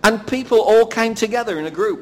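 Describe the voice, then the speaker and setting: Slow-speaking English pastor in a reverberant hall. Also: male voice, very high-pitched. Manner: humorous, self-mocking storytelling. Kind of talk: sermon with interpreter.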